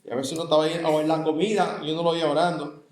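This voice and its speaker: Older Dominican man, pastor, conversational sermon, slightly high voice, echoey room. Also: little pitch movement, racing, darkish tone, slight background noise. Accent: Dominican Spanish. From Dominican Republic. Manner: conversational, acts out family dialogues with voices. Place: church hall.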